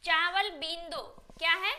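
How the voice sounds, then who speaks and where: A woman leads a spoken-English class in Hindi, her very high voice pushed and bright with fairly even intonation. She asks the students questions and answers them herself, slowing down to spell out each English phrase.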